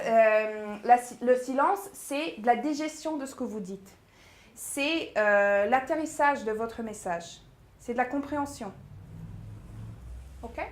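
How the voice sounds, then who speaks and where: A woman coaching a public speaking workshop, lively and chatty, demonstrating pace and pauses. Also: high voice. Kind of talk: workshop teaching. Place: agency workshop room. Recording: echoey room.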